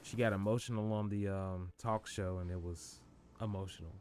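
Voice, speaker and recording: A man streaming live gameplay, commenting in an animated, jokey way and laughing easily. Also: sits low, moderate pace, a little hiss or hum. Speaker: gaming streamer.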